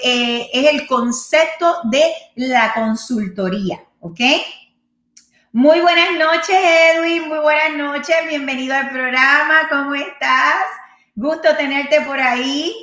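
This real estate consultant from Puerto Rico speaks in a high, bright, forceful voice with a Puerto Rican Spanish accent, in a roomy-sounding recording. Hosting a live-streamed call-in style show, she chats freely, slips into English, and repeatedly asks "¿ok?".

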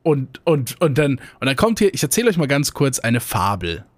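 A man co-hosting a podcast in casual chat, telling a rambling story in an animated, colloquial way. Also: medium pitch, normal speed, no room sound.

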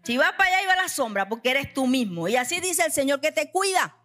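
A middle-aged woman delivering a sermon in a voice pitched somewhat high. She talks straight to her listeners with pointed questions and acts out her own past prayers as she tells a personal story. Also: big pitch swings, fast talker, a bit bright. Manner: emphatic, addresses listeners directly with questions. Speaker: preacher.

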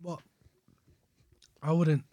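Young man, London roadman accent, slightly high voice, dry close sound, casual slangy chat. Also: flat delivery, very slow, mellow, no echo. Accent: London, urban roadman slang. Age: young adult. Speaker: podcast co-host.

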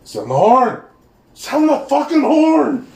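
A man voicing a gruff, irritated guard boss in a tabletop game. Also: mid-range voice, lively intonation, measured pace, darkish tone, a little hiss or hum. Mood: alarmed, angry.

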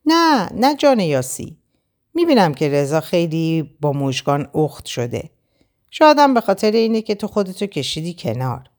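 A sly, playful young man who teases his friend with a knowing grin in his voice, read aloud by a woman. The voice sits low and swings widely in pitch, lively and animated from phrase to phrase. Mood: teasing. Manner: playful, teasing. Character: teasing young male friend, sly and warm. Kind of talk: audiobook character reading.

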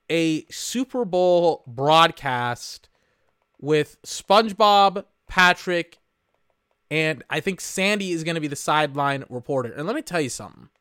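A high, bright male voice ranting through a podcast in loose, rambling commentary. He sounds exasperated, swears freely and trails off mid-thought. The sound is close and dry, with no room behind him. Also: no room sound. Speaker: podcast host. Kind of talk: casual live-reaction commentary.

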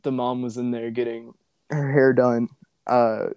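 A man's voice: medium pitch, little pitch movement, unhurried, a little mellow, clear, resonant tone, no echo, lo-fi sound. A man tells a spooky tale in an easygoing, joking way, breaking into laughs. His voice sits mid-range and sounds close and dry, with no room around it. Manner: laughs often, wry and joking. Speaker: podcast host. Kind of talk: casual chat, storytelling.

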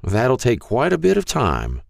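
A man voicing a frail, kindly old male shopkeeper who turns out to be a ghost, talking in a gentle, folksy way. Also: mid-range voice, huge pitch swings, measured pace, creaky, no room sound, clean studio sound, voice pushed up, exaggerated voice.

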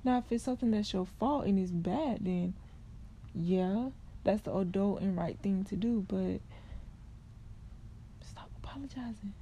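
Young woman podcast host, mellow voice, candid casual rant. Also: medium pitch, muffled recording, slight background noise. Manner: conversational, candid, drawn-out filler phrases.

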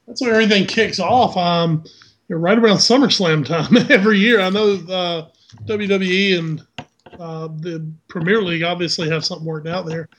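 High-voiced man with a mild Southern twang. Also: normal speed, fairly bright tone. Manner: dry, teasing humor. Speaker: podcast co-host. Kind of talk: casual sports chat.

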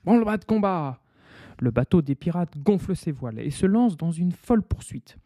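A man reading a children's pirate story aloud with lively, expressive narration. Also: a little high, moderate pace, breathy edge, no echo, clean studio sound.

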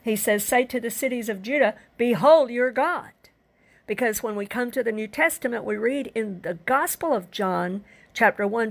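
A woman's voice: fairly high pitch, creaky. An older woman preaching a Bible teaching, earnest and emphatic, with rhetorical questions.

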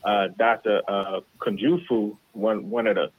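Low-voiced male caller over the phone. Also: fairly even intonation, a little slow, breathy edge. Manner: earnest, restarts words while making points. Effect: heard over a phone line. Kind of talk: call-in commentary. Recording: tinny phone line.

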